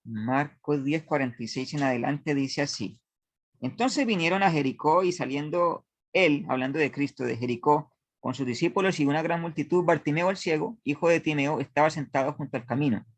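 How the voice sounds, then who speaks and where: A man leads a Bible study class with a somewhat high voice. He reads scripture aloud, pauses to explain and to put questions to his listeners, and often restarts his sentences. The sound is dry and close, with no room echo. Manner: halting, with many restarts.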